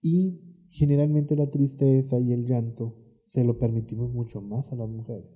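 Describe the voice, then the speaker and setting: Man, Mexican accent, therapist guest, husky, dark warm tone, calm, reflective. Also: medium pitch, moderate pace. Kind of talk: conversational podcast interview.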